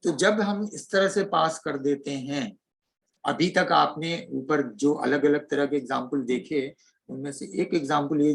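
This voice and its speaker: Guy teaching coding online, gravelly voice, goes step by step as he types. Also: a little high, low-quality recording. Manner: explains step by step while typing code.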